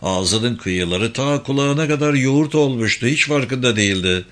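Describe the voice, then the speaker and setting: A man reads a story aloud at a middling pitch, steady and even, stopping now and then for a short footnote aside. It sounds like an audiobook narration. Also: moderate pace.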